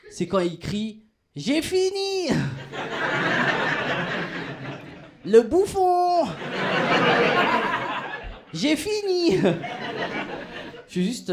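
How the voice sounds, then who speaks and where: High-voiced slangy stand-up comedian, live club. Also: male voice, very noisy. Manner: casual slangy, animated, laughing through punchlines. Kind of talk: stand-up comedy with crowd work.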